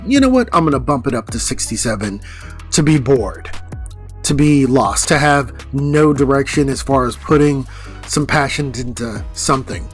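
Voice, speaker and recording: A man in a casual monologue who rambles a little and reads a long list quickly, slightly out of breath. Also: mid-range voice. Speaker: vlogger.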